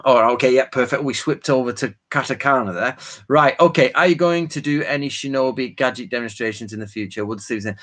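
A man's voice: mid-range voice, fairly quick, a bit bright. Chatty man in his forties. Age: 40s. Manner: rambling, chatty, jumps between tangents; informal slang and frequent fillers. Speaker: host of a live Q&A stream. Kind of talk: casual live-stream Q&A lecture.

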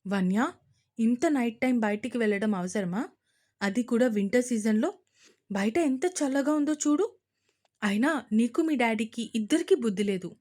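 A woman's voice: fairly high pitch, moderate pace, mellow, lightly acted. A woman voicing a strict young mother who scolds and stammers when caught out, in an audio story. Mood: scolding.

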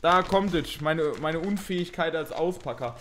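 A young man talks casually through an unboxing, thinking aloud and poking fun at himself now and then. His voice sits a bit high for a man. The delivery is loose and conversational. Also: moderate pace, a bit bright, slight background noise. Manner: chatty, thinks aloud, mildly self-mocking. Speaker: unboxing video host.

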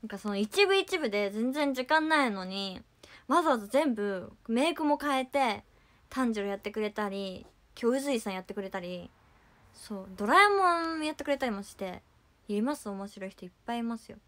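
A woman's voice: on the high side, animated, fairly bright tone. Giggly young woman chatting on a livestream. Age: young adult. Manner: playful and giggly, trying quick cartoon impressions. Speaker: idol streamer reading viewer comments. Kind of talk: casual livestream chat.

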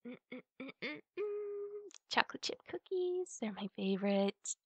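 A woman voices a fond, teasing big sister in a heavily acted ASMR roleplay, sounding delighted as she draws out her words and slips in hushed asides to the listener. Her high voice swings widely in pitch, and the recording is dry.

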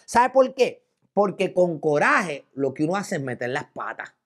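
A man's voice: on the high side, unhurried. A man with a Puerto Rican accent gives opinion commentary and tells a personal anecdote, acting out the voices of the people in it. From Puerto Rico. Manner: animated storyteller who acts out quoted voices.

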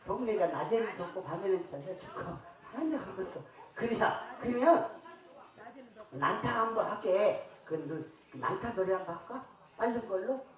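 A woman's voice: mid-range voice, expressive, moderate pace, far from the mic. A woman performing as a street entertainer, joking and teasing her audience in playful stage banter at an outdoor festival. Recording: echoey PA sound from afar over music.

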